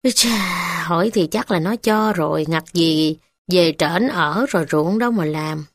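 A woman's voice: lowish voice, a little slow, no echo. A humble poor village man, voiced by a woman reader speaks hesitantly with a Southern Vietnamese accent. The recording is dry and close.

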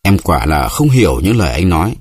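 A man's voice: deep voice, big pitch swings, a little fast, darkish tone, breathy edge, no echo, studio quality, heavily acted. A man voicing a flustered husband who pleads and protests in exasperation. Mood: pleading.

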